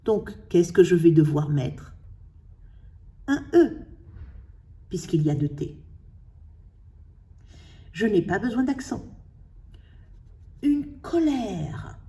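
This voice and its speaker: A woman teaching a spelling lesson, slowly sounding out syllables and letters for her pupils. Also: on the low side, very animated, mellow, recorded from a distance. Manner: slow, carefully sounding out syllables.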